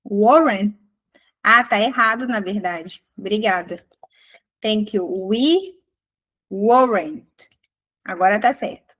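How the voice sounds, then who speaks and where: A woman teaching an English grammar lesson in a playful, theatrical way, laughing often and reading English examples slowly. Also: medium pitch, a bit bright, low-quality recording. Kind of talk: casual online English lesson.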